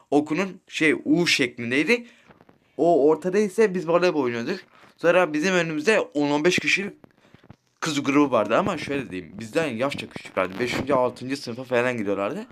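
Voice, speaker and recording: A man's voice: fairly high pitch, a bit bright. Crude, rambling teenage boy telling stories. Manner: rambling, crude, swears a lot, keeps asking "right?". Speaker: gaming streamer. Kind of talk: casual storytelling over gameplay.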